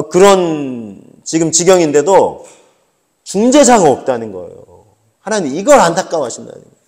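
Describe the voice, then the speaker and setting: Conversational Korean pastor preaching a sermon. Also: male voice, high voice. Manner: conversational, emphatic preaching with rising bursts and soft asides; illustrates with homely family anecdotes and quoted dialogue.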